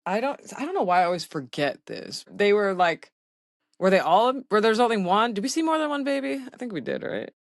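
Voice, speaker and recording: A podcast co-host chatting casually about a book, laughing often and quick to agree. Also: medium pitch, sing-song, no room sound, studio quality.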